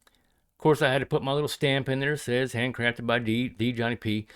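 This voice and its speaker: A man's voice: medium pitch, steady tone, fairly quick, fairly bright tone, clean tone. A man chatting casually to viewers as a hobbyist crafter, in a folksy, hesitant, rambling way. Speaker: pipe hobbyist and leather crafter showing his work. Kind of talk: casual vlog chat to viewers.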